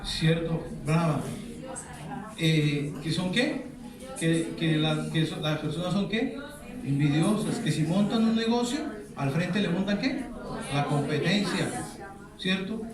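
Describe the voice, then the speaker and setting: A man's voice: a little high, takes it slowly, crowd noise. A man preaching a sermon in a church, quizzing the congregation with fill-in questions. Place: church hall. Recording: very echoey hall, mic far off.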